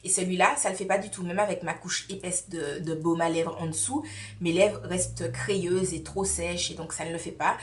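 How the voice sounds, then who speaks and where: A woman vlogger chats through beauty products in a relaxed, rambling way, pausing often and filling gaps with little hesitations. Her voice sits a touch low for a woman. The mic catches her from some distance, so she sounds slightly removed. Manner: rambling and hesitant, with many fillers. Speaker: beauty vlogger reviewing a subscription box. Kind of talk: casual chatty product review.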